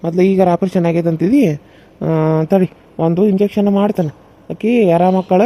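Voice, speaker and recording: A calm small-town male doctor, voiced by a cartoon performer, soothing and matter-of-fact, with a North Karnataka Kannada accent. His tone is dark and mellow at a middle pitch. It has the feel of a cartoon serial. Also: brisk, natural voice. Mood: reassuring.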